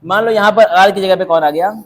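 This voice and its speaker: A man's voice: high-pitched, a little fast. A man teaching a classroom lecture who keeps firing rhetorical questions and drilling the answers back. He jokes with the students and calls on them by name. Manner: constant rhetorical questions, call-and-response drilling; jokey, teases and calls on students.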